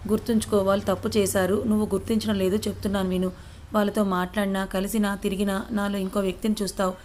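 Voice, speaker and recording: A woman's voice: medium pitch, little pitch movement, quick pace, darkish tone, a little hiss or hum, close to an everyday voice. A woman voicing a stubborn, angry young husband who talks curtly, in a narrated love story. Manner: curt, stubborn.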